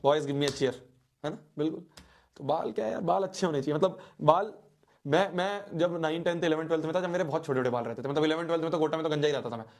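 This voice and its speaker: Lively young male teacher telling stories. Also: on the high side, quick pace. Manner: lively, playful, addresses the audience. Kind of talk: animated storytelling to students.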